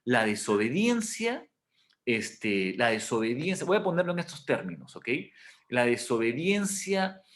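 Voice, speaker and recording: A guy teaches a Bible class with animated pitch, explaining slowly and frequently checking that students follow. He often says "o sea" and "¿ok?" and answers their questions.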